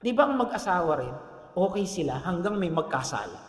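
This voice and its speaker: A middle-aged Filipino man preaching a sermon in a joking, animated way, with asides to the congregation. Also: high-pitched, fairly quick. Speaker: pastor. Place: church hall. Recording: echoey hall with long reverb.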